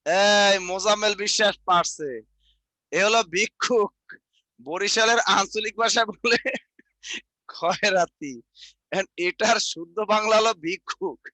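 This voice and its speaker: A man with a Barishal Bengali accent teaching an online exam-prep lecture, repeating points slowly for students to write down, with chatty asides. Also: sits high, sharp tone, no room sound. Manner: repetitive dictation, chatty asides.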